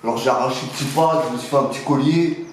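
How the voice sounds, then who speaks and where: A man's voice: mid-range voice, very fast, close to an everyday voice. Casting: male performer as cocky young street dealer, mock interview, loose French street slang, heavy room echo. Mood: boastful, streetwise. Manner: slangy, rambling, punctuated with filler address words. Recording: very echoey room, faint noise.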